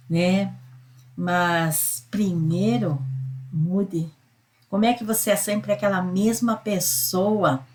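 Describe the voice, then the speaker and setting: A middle-aged Brazilian woman, a psychologist, giving an earnest spiritual self-help talk and often checking in with her listener. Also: lowish voice. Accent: Brazilian Portuguese. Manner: earnest, repetitive, tags sentences with a questioning aside.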